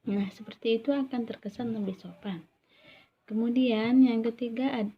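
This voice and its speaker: A young woman, a student, explaining a lesson topic in a measured way, sometimes correcting herself. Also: mid-range voice, muffled recording, a little hiss or hum. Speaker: student presenter. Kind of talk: recorded class presentation.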